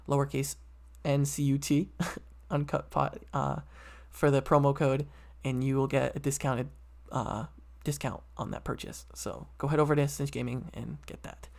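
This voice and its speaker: A young man in his late teens talks casually into his computer mic, hosting his own solo podcast. His voice is gravelly with a fry at the ends of phrases, sitting at an ordinary middle pitch. He rambles loosely, full of ums, uhs and restarts. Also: fairly even intonation, moderate pace. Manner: rambling, many fillers and restarts. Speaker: podcast host.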